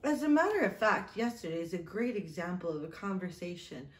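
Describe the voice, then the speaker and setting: She speaks briskly in a lowish, sing-song voice. A vlog host in her thirties, she sits at a table in a small room with echo, reading from her old journal and chatting in a self-mocking, storytelling style.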